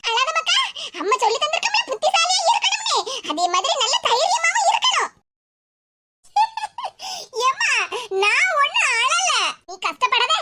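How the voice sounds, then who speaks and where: Woman playing a fierce doting cartoon mom, shrill and high, southern Tamil accent, heavy hiss. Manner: loud and protective, calling out. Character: fierce, doting middle-aged mother. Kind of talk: cartoon voice acting. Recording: loud background hiss.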